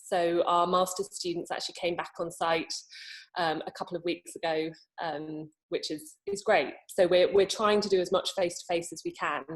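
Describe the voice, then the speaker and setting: A woman talks casually as a guest on an online panel, explaining her work. Her voice sits a little low for a woman. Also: fairly even intonation, normal speed, rough recording. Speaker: head of learning at a museum, panel guest. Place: small cabin studio, on a video call.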